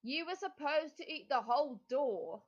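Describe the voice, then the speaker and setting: A woman's voice: high voice, expressive, moderate pace, highs cut off, voice pushed up. A woman voicing a scheming, spiteful witch in a storybook reading, bossy and gloating. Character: scheming, spiteful female witch who cackles.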